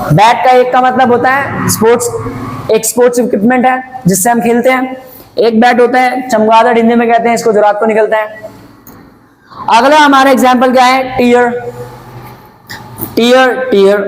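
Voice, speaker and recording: Guy with a really high voice teaching english grammar in hinglish, asks himself questions and answers them. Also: slight background noise, poor audio. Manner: explains patiently, asks and answers own questions, says "bhai"; spells words letter by letter. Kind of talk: Hinglish classroom lesson.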